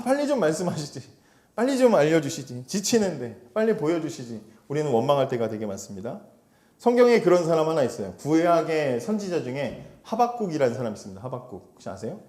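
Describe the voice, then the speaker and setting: A man's voice: medium pitch, a little mellow. Conversational pastor man in an echoey hall. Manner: conversational, asks the congregation questions; acts out quoted voices with sudden shifts. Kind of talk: sermon to a youth congregation.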